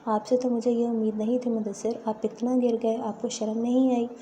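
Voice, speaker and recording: A woman's voice: fairly high pitch, little pitch movement, dark tone, a little hiss or hum, natural voice. A woman reading as a wronged, reproachful young wife. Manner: reproachful, pleading.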